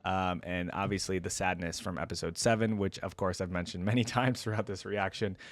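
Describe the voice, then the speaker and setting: Speaking fairly quickly in a low-pitched voice with fairly even intonation, a reaction video creator rambles informally to his viewers. He sounds excited about the game, and the recording is dry.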